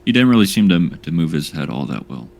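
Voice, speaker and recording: A man with an extremely deep voice co-hosting a casual fight-picks show. He talks haltingly and often repeats a word before going on. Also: sing-song, vocal fry, a little mellow. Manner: halting, repeats words as he thinks. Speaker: podcast co-host making fight picks. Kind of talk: casual chat.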